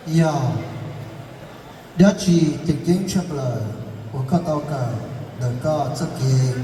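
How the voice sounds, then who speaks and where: A man co-hosts a pageant in a formal announcing style, at a slow, measured pace. His high voice carries through a long hall reverb with faint noise behind it. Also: mellow, distant mic. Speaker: pageant co-host, question translator. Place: large event hall.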